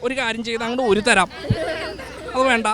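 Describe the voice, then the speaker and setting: A man's voice: very high-pitched, fairly even intonation, a little fast, crowd noise. A man playing a festive, teasing King Mahabali who hosts a comic outdoor street show with quizzes and giveaways. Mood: cheerful. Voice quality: playful, with teasing exclamations. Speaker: host.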